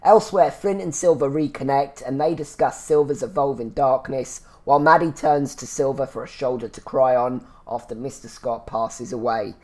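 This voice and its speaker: A man with a medium-pitched, darkish voice speaks at a normal speed with few pauses. He's hosting a casual solo show reviewing a TV series, sounding a bit congested and phlegmy as he rambles chattily, restarting often with "so yeah."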